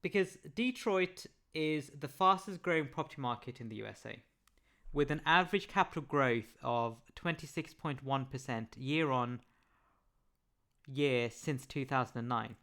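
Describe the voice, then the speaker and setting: A man presenting a webinar over slides, measured and often pausing with "um". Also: medium pitch, fairly bright tone. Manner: measured, frequent "um" fillers.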